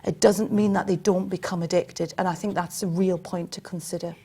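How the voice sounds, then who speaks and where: A woman's voice: on the low side, steady tone, fairly quick, dark tone, husky. A woman speaking as a panel guest, answering in a firm and emphatic way. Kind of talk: panel discussion.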